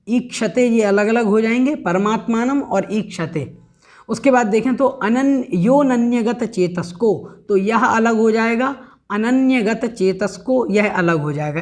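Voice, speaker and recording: Male scripture teacher, slow measured delivery, patient word-by-word explanation, careful Sanskrit recitation, online class. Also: sits high. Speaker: teacher of a scripture study course. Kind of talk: online religious lesson.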